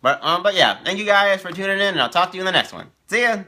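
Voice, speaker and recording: A man's voice: high-pitched, lively intonation, fast talker, bright, forceful tone. A young man hosting a casual live stream for his gaming channel, rambling with lots of fillers and repeating himself. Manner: eating while talking.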